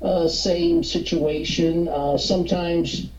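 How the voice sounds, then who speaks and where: A man calling in as a guest over a speakerphone, answering questions in a hesitant, halting way with many fillers. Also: on the high side, steady tone, crowd noise. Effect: speakerphone call. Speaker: phone-in guest, paranormal investigator and author. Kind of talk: casual interview answers. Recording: muffled echoey speakerphone line.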